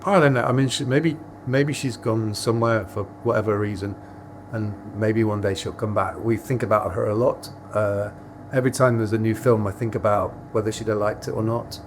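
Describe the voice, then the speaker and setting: A man's voice: lowish voice, fairly even intonation, normal speed, natural voice. Actor as friendly cinema guy in fake doc interview, wistful and rambly, bit of background noise. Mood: wistful, hopeful. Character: friendly cinema worker recalling a missing regular customer. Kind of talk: naturalistic mock-documentary interview.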